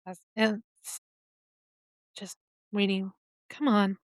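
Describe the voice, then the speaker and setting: A woman co-hosting a casual podcast, reading out news stories in a halting way with pauses and fillers. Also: mid-range voice, level tone, no room sound. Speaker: podcast co-host.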